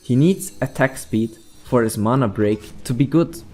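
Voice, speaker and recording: A man's voice: mid-range voice, unhurried, warm tone. A man reading scripted explainer narration for a gaming documentary. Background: faint music.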